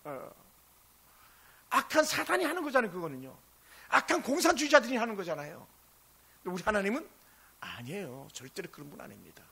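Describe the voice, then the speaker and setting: Raspy, bright-voiced preaching man. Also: sits high, sing-song, brisk, pauses often. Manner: impassioned, swings between loud and hushed. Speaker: pastor. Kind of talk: sermon.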